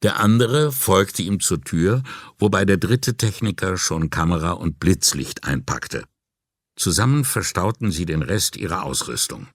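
A man narrating an audiobook crime story in a measured, calm reading voice. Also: low-pitched, no echo, clean studio sound. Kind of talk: scripted narration.

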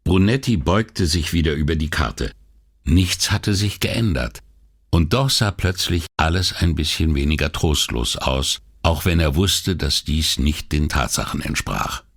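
Deep-voiced male audiobook narrator. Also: lively intonation, a little slow, breathy edge. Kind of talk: scripted narration.

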